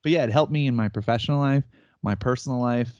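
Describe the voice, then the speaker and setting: Dark-voiced man chatting casually. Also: medium pitch, fast, no room sound, lo-fi sound. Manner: animated storytelling, laughs often, acts out quotes. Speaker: podcast co-host. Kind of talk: casual chat. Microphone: remote call setup.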